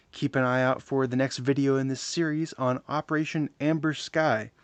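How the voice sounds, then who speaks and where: A man's voice: medium pitch, clean tone, no room sound. A man hosting a gaming channel and giving casual gameplay commentary in a wry, offhand way.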